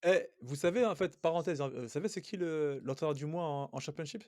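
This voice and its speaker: A man co-hosting a casual podcast discussion, lively and slangy, quick with agreeing interjections. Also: on the high side, dry recording, clean studio sound. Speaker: podcast co-host.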